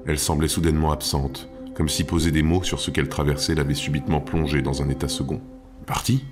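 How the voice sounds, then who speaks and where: Very deep-voiced male narrator. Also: little pitch movement, over music. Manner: measured, storytelling. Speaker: author narrating his audiobook. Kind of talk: scripted audiobook narration.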